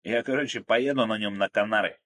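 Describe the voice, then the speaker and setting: A man voicing a brash, boastful, excitable man in an audiobook. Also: fairly low pitch, fairly quick, lightly acted. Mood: boastful chatter. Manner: loud, boisterous, pushy.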